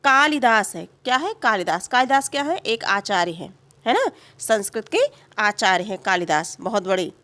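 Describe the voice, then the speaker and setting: A woman teaching grammar for exams, who explains slowly, poses questions and answers them herself, and keeps checking in with her students. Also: medium pitch, animated, a bit bright, no echo. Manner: frequent "है ना" check-ins and "अ" fillers. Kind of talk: exam-prep grammar lesson.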